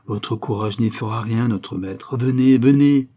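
A man's voice: mid-range voice, a little slow, dark tone, lightly acted. A man reading as a grim loyal Breton peasant. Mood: urgent. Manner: terse, urgent replies.

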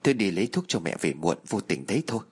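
A man voicing a terse, secretive schoolboy who answers in clipped, flat phrases in a horror story. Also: low-pitched, quick pace, husky, voice pushed down, full character voice. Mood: evasive. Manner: curt, flat, few words. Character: terse, mysterious schoolboy friend.

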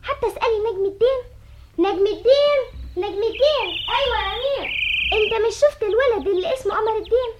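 A woman's voice: very high voice, fast talker, a little hiss or hum. A woman voicing a curious little boy prince in an Egyptian radio play, earnest and chatty, with an Egyptian accent. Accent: Egyptian Arabic. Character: small human boy prince, affectionate, curious. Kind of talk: 1960s Egyptian radio drama acting. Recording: dull old radio recording.

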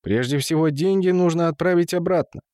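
A man's voice: on the high side, brisk, dark tone, no room sound, clean studio sound, pitched above the performer's own voice, lightly acted. A man voicing a stern, commanding man who runs a brothel and speaks with firm patience. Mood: patient. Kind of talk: audiobook character voice.

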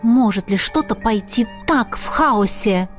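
A woman's voice: a little high, a little slow, soft background music. Woman narrating a fantasy audiobook. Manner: steady, expressive reading. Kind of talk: first-person audiobook narration.

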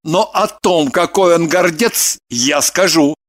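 Man playing a young male killer, bitter, confessional, audiobook dialogue, higher-pitched. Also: takes it slowly. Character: troubled 27-year-old male killer, confessing.

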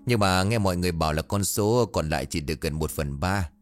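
Stern older village boss played by a male narrator, low, lecturing, skeptical, for an audio ghost story. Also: quick pace, soft background music, lightly acted. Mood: weary. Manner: scolding, lecturing. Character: stern skeptical older village official, hard-drinking host.

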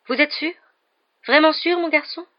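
A man voicing a fussy female seer teacher, speaking softly in a breathy murmur. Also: very high voice, normal speed, muffled recording, pitched above the performer's own voice. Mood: murmuring, ominous.

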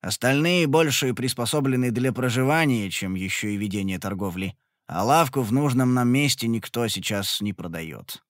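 A man voicing a practical male traveling companion in a storybook reading, speaking in a measured, matter-of-fact way. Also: medium pitch, animated, no room sound, clean studio sound, voice pushed down, close to an everyday voice.

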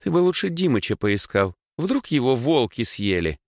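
A man's voice: medium pitch, sing-song, normal speed, no room sound, studio quality, voice pushed up. A man reading a storybook and voicing a small, cheeky girl who teases her older brother. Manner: playful, teasing.

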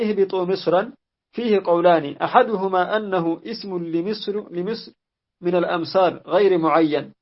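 A man reading a classical exegesis text aloud in a measured way, restarting after slips. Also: high voice. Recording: dull lo-fi audio.

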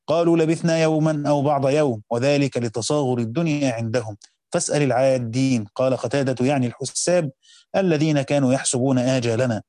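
Fast-reading Egyptian man, dark dry voice. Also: a little high, dry recording. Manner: reads quickly, slows down to explain points of grammar. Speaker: teacher reading and explaining a Quran commentary. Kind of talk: reading a classical text aloud with spoken explanations.

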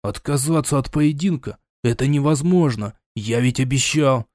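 A man's voice: mid-range voice, moderate pace, a little mellow, no room sound, clean studio sound, close to an everyday voice. A man voicing a stubborn young knight in love, who talks sullenly and stammers when pressed.

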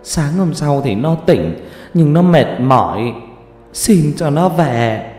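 A man's voice: a little high, lively intonation, darkish tone, voice pushed up. A man wailing as a grieving mother. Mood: tearful lament. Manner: sobbing, drawn-out wailing. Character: grief-stricken middle-aged mother, tearful. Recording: roomy reverb with music.

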